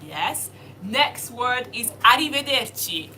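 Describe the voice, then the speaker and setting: A young woman from Italy teaching a casual video lesson, speaking slowly and deliberately and spelling out words. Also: fairly high pitch, lively intonation, noisy background. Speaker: language teacher.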